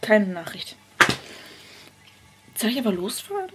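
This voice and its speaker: A young woman vlogging casually at home on her phone, nervous and excitable, sometimes dropping into a whisper. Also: mid-range voice, a little slow, very noisy. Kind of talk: casual vlog chat.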